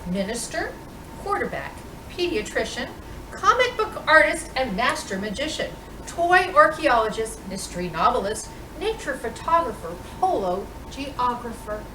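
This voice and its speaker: A storytime reader in the role of Mrs. Claus reads a children's picture book in an unhurried, expressive way, using dramatic pauses. Her voice is on the high side, and the roomy, distant recording carries clear background noise.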